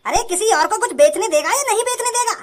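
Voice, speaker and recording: A woman's voice: extremely high pitch, expressive, quick pace, a little hiss or hum. A woman voicing a rude, pushy young male street vendor, taunting an old man. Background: music.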